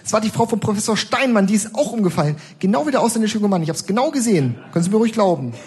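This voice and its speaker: A man voicing a frail elderly woman who gossips insistently in a high, quavering voice during a comic stage reading. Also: lively intonation, rapid-fire, a little mellow, slightly rough, heavily acted.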